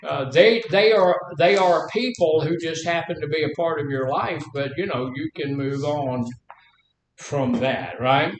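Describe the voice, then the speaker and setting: An older man in his seventies with a Mississippi Southern accent, giving an informal, folksy teaching talk to a group, repeating phrases and asking rhetorical questions. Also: a little slow. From Mississippi, United States. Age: 70s. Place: echoey indoor room. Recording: echoey room, faint background noise and rumble.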